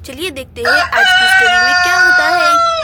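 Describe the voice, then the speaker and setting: A woman's voice: extremely high pitch, huge pitch swings, moderate pace, heavy background noise. A woman narrating a children's doll play story in a cheerful, inviting way.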